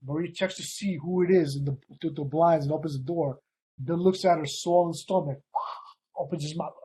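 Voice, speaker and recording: A man's voice: fairly high pitch, moderate pace, warm tone, a little hiss or hum. A man directing an amateur table read, who reads stage directions and gives rambling, encouraging notes.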